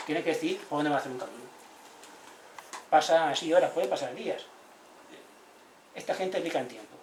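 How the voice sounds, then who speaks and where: A man's voice: on the high side, expressive, brisk, slight background noise. A man giving a public talk, telling stories and acting out the voices of the villagers he quotes. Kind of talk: public talk, anecdotal lecture. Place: squatted social centre hall. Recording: echoey room, voice from far off.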